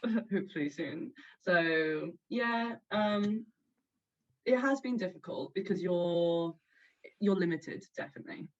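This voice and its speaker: A woman's voice: on the low side, unhurried. Young woman guest, giggly and chatty, slightly dull lo-fi recording. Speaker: podcast guest. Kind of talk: casual chat.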